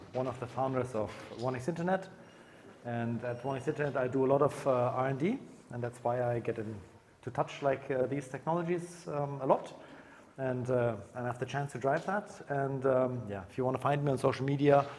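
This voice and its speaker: Man from germany, conference talk, casual with restarts, mid pitch, faint room noise. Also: a little mellow. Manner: casual, many fillers and restarts. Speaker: conference speaker.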